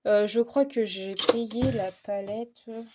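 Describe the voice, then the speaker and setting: A young woman vlogger chats casually while coloring at her desk, hesitant and full of fillers and restarts. Her mid-range voice is steady and slow, and the very noisy recording has its highs cut off.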